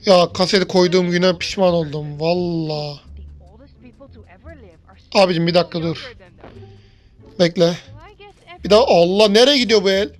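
A man giving lively let's-play commentary, chatting to his viewers and yelling when something startles him. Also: high voice, normal speed, pauses often. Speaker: gaming YouTuber.

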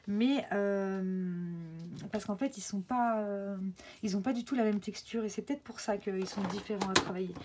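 A young woman chatting casually through an art-supply unboxing, excited and full of fillers and restarts. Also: medium pitch, moderate pace, a little hiss or hum. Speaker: craft vlogger.

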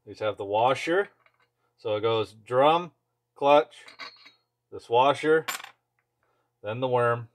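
Speaking slowly and pausing often, a man with a medium-pitched voice gives an easygoing workshop demo, a chainsaw mechanic and video host muttering short phrases as he works at an indoor bench. Background noise and clicking from tool handling are audible on a clear recording.

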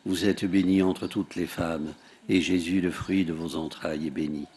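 A man leading a recited rosary outdoors at a lectern microphone, in a steady, measured voice whose lines fall away at the end. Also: low voice, crowd noise. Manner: steady, measured recitation with falling line ends. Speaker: prayer leader at an outdoor rosary. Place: outdoors at a large rock grotto.

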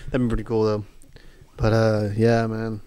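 A man's voice: on the low side, completely flat delivery, moderate pace, mellow, smooth, no room sound. A young man co-hosting a podcast in casual chat, easygoing and joking. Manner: easygoing, joking, short agreeing replies. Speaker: podcast co-host.

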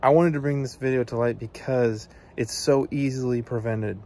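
Outdoors among evergreen trees, an American outdoors video host in his thirties talks to the camera, giving practical advice in a casual, earnest, plain-spoken way. His mid-range voice has a darkish tone, fairly even intonation, and a moderate pace.

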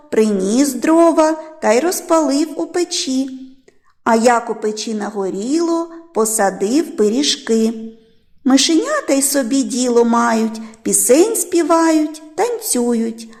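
A woman teacher tells a fairy tale to small children. Her voice is high and very lively in pitch. She speaks slowly, in a gentle, coaxing sing-song. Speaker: preschool teacher.

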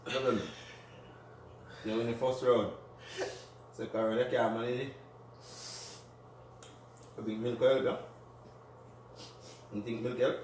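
A man's voice: medium pitch, little pitch movement, unhurried, long pauses. A young man bantering casually, insistent and repeating himself. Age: young adult. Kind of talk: casual banter during a food challenge. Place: living room, on a sofa. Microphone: camera a couple of metres away. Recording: echoey room, distant mic, faint noise.

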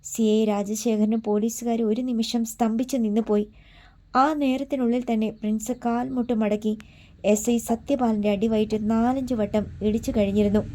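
Woman reading a story out loud, a bit high, mellow soft tone. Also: fairly even intonation, normal speed. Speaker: audiobook narrator. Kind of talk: scripted story narration.

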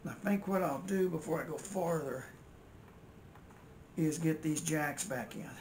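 A gravelly, creaky older American man with a slightly high voice takes his time, muttering casual narration as he repairs electronics at an indoor workbench. He is a hobbyist and video host with a folksy, thinking-aloud manner. The home-made recording has steady noise.

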